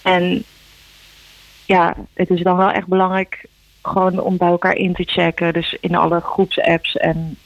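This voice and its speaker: A woman, a musician guest, talking earnestly and reflectively in halting phrases, heard over a phone line in a radio interview. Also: on the low side, monotone, creaky, dry recording. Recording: dull dry phone line.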